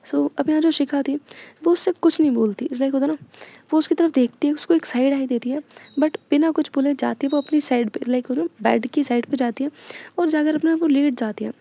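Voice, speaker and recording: A woman's voice: high-pitched, brisk, mellow. A young woman casually retelling an audio story, chatty and full of fillers, in a dull lo-fi recording.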